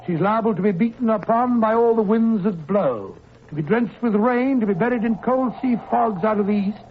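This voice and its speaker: An actor playing Doctor Watson, an older gentleman who tells stories heartily, in a 1940s radio drama. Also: high-pitched. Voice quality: hearty, declamatory storytelling. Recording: tinny 1940s radio broadcast with hiss.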